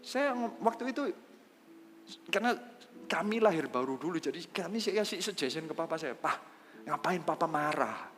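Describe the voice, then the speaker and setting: A man's voice: high-pitched, fairly quick. Male pastor preaching, voice jumps up and down a lot, long echo from a big hall, faint room hiss. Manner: lively, conversational preaching, asks the congregation questions; mixes in English phrases. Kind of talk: sermon. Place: church hall. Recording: livestreamed church service in a reverberant hall.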